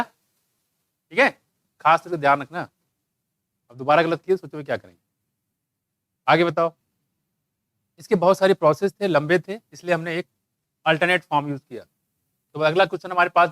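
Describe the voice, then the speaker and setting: High-pitched teasing teacher scolding a class. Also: male voice, a little fast, pauses often, fairly bright tone, no room sound. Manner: teasing, scolding, jokey, calls students by name. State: dry throat from shouting. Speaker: biology teacher. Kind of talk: live classroom lecture with quizzing.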